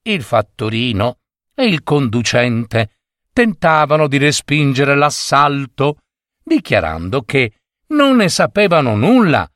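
A man reading a children's story aloud in an expressive way, changing voices for the characters. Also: a little high, no room sound, clean studio sound. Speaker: narrator.

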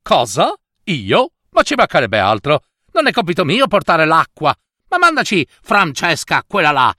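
A man's voice: fairly high pitch, huge pitch swings, moderate pace, pushed and bright, dry recording, studio quality, full character voice. A man voicing a rude, spoiled young girl in a storybook reading, whiny and sulky. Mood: indignant.

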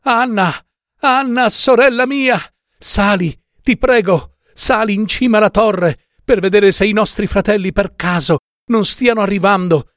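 A man's voice: high-pitched, unhurried, fairly bright tone, no room sound, clean studio sound, pitched above the performer's own voice. A man voicing a terrified young wife, pleading anxiously and breathlessly in a raised voice.

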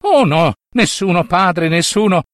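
A man voicing a timid young female nymph in a storybook tale, in a high pleading falsetto. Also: expressive, measured pace, fairly bright tone, no room sound. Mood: evasive.

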